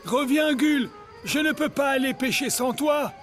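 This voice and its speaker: A patient young fisher from a cartoon. The voice is high for a man and speaks in a calm, kindly, reassuring way. Light music plays underneath. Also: measured pace. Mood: worried. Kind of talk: French children's cartoon dubbing.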